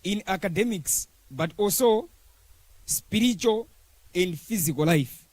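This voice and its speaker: A speaker with a Malawian accent delivering a formal speech as an alumni representative, in short measured phrases. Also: mid-range voice, animated, a little mellow, dry recording.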